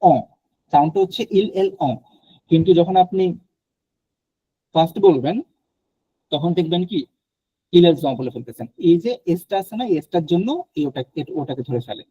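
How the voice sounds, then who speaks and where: A man's voice: on the high side, moderate pace, long pauses, slightly rough, no room sound, lo-fi sound. A man from Bangladesh teaching a French class online, explaining patiently and mixing in English phrases.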